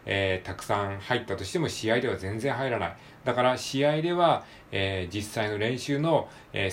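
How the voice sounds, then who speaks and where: A man with a Japanese accent teaching English pronunciation, patiently drilling words slowly and repeating them. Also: mid-range voice, a little hiss or hum. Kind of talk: solo read-aloud practice lesson.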